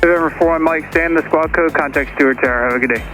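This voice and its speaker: A man's voice: on the high side, rapid-fire. A man working as an air traffic controller, giving clipped, procedural instructions over aviation radio. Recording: aviation radio transmission with music.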